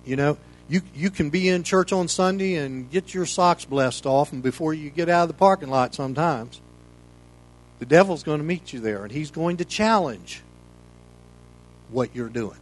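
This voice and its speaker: The recording is rough, and the man's voice sits a little high and moves at a moderate pace. He is a middle-aged or older American pastor giving a rambling, folksy Bible study sermon, sprinkling in "you know" throughout.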